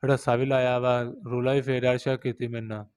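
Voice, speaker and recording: A man with a Pakistani Punjabi accent recounts events quickly, quoting others again and again. His voice is smooth and clear, and his pitch hardly moves. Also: flat delivery, a little mellow. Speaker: interviewee, rickshaw driver. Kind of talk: street interview.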